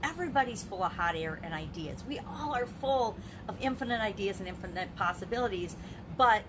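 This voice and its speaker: An older woman, a business vlogger, talks off the cuff to camera on a live video, candid and a bit rambling with emphatic phrasing. Her mid-range voice is animated and a little fast. Noticeable background noise fills the recording.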